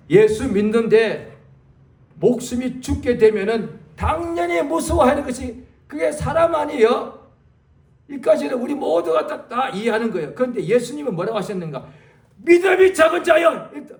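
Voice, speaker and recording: High-voiced dramatic male pastor in an echoey hall. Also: big pitch swings, normal speed. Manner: dramatic, swings from loud exclamation to low muttering. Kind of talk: sermon. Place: church sanctuary. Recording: echoey church hall, distant mic.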